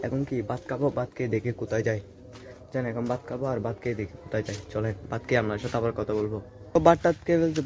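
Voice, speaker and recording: A young man chatting casually to his viewers as he walks through a rainy village, recorded on a handheld phone, often checking that the viewer follows and dropping to a hush when people pass. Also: medium pitch, poor audio. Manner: chatty, keeps asking the viewer "understand?". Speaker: vlogger. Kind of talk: casual handheld vlog narration. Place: outdoors in a rainy rural village. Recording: outdoor phone audio with clear ambient noise.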